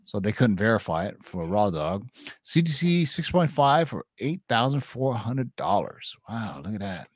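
A man's voice: fairly low pitch, big pitch swings, normal speed, slightly rough, no room sound, studio quality. A man co-hosting a casual comic sales chat, joking and swearing, trailing off with fillers. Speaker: co-host of a comic sales show.

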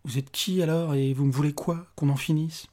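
A man reading aloud and voicing a despairing, disbelieving man who answers in a blunt, rude, sharp-tongued way. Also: fairly high pitch, fairly even intonation, a little fast, close to an everyday voice. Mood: incredulous. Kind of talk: audiobook character voice.

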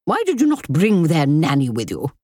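A woman's voice: deep voice, huge pitch swings, moderate pace, warm tone, dry recording, studio quality, exaggerated voice. A woman voicing an imperious elderly countess who disapproves of everything. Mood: haughty. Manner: haughty, disapproving.

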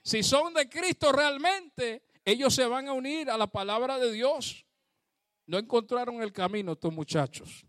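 In a measured, fairly bright, very high voice, a pastor preaches to his church, calling out praise to God and asking the congregation questions head-on. The recording is dry, with clean studio sound.

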